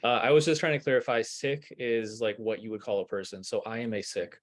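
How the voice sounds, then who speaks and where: A man presenting in a workshop on a video call, speaking in a relaxed, conversational way with many fillers. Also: medium pitch, brisk.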